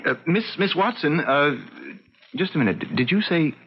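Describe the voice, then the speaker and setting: Hesitant, husky agency manager, old radio drama. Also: male voice, on the high side, lively intonation, normal speed, highs cut off. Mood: flustered, tentative. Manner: hesitant, stammering. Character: flustered, earnest male employment agency manager.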